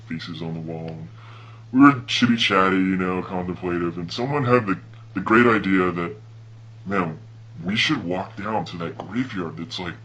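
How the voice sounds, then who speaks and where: A young man from Hawaii telling a personal story in a laid-back, slangy, animated way. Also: low voice, highs cut off. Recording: noticeable hum and background noise.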